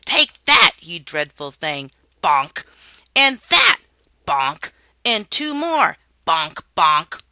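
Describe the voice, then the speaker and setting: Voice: medium pitch, expressive, unhurried, few pauses, bright, forceful tone, no echo, studio quality, pitched above the performer's own voice, heavily acted. A reader voicing a dramatic, naive young woman who loves nature and exclaims theatrically. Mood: fierce.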